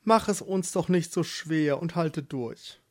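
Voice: medium pitch, slow, darkish tone, lightly acted. A narrator voicing a worried young husband in a storybook, earnestly persuading. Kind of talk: storybook reading.

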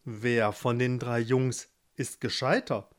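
A man voicing an old, ailing king who speaks slowly and solemnly in rhymes. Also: mid-range voice, fairly even intonation, lightly acted. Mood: mournful. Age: older. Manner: slow, solemn, rhyming.

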